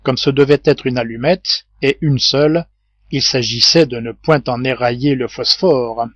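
Measured man reading a classic novel. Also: mid-range voice, a bit bright, dry recording, muffled recording. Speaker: audiobook reader. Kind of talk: scripted narration.

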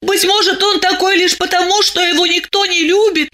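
A woman's voice: extremely high pitch, steady tone, normal speed, sharp tone, pitched above the performer's own voice. A woman voicing a lovestruck, emotional young woman who talks fervently and pleadingly in an audiobook. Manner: fervent, pleading, tearful at times. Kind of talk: audiobook character voice.

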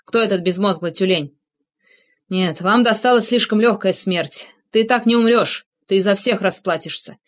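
A woman's voice: mid-range voice, moderate pace, natural voice. A woman reading an audiobook, voicing a cruel male crime boss who shrieks and rants in abusive outbursts. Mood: raging.

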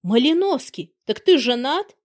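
A pouty young woman, put on by a female narrator, whiny and indignant, her voice pushed higher and louder. She sounds petulant and put out. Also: sing-song, unhurried, heavily acted. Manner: whiny, pouting.

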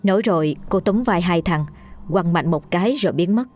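Low-voiced woman narrating a ghost story. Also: animated, moderate pace, a little mellow.

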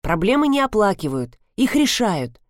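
A woman voicing an ironic, commanding grown man who speaks slowly and dryly. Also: medium pitch, sing-song, no room sound, close to an everyday voice. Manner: slow, dry, commanding.

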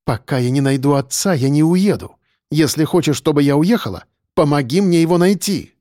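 A man voicing a bitter, hostile young woman on the run, sharp and accusing. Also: fairly high pitch, brisk, no room sound, studio quality, close to an everyday voice. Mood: stubborn.

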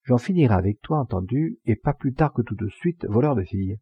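A man's voice: mid-range voice, expressive, brisk, breathy edge, dry recording, dull audio. A man voicing a vengeful giant charcoal burner in a storybook reading, speaking in threats. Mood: threatening.

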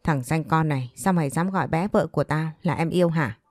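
A woman's voice: deep voice, fairly quick, a little mellow, no room sound, studio quality. Woman voicing a jealous, hot-tempered older man. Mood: angry. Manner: angry, demanding.

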